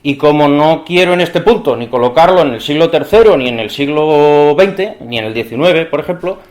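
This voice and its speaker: A man's voice: on the high side, expressive, moderate pace, a little mellow, roomy sound. A man giving an academic conference lecture, talking in a discursive way and often asking the audience rhetorical questions.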